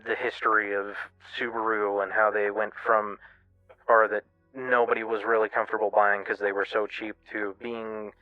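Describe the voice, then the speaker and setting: A man giving a candid, casual personal monologue as a streamer, in a halting, self-reflective way. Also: lowish voice. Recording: muffled, roomy lo-fi radio-like sound, music behind. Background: music.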